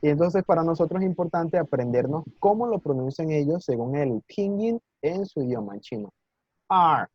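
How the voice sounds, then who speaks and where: With lively intonation and a warm tone, a somewhat high-voiced man teaches Mandarin live online. He encourages his students patiently, checks in with them often, and articulates words slowly and clearly. The recording is dry and muffled.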